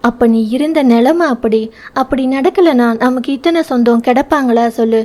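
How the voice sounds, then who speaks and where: A woman's voice: fairly high pitch, normal speed, natural voice. A woman reading the part of a young husband in an audio novel, teasing and tender by turns. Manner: playful teasing, turns soft and pleading.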